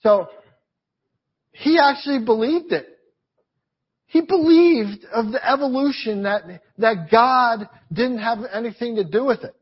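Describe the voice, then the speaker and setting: A man pastor preaching a sermon in a church, animated, repeating phrases and asking rhetorical questions. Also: very high-pitched, a little slow, slightly rough, lo-fi sound.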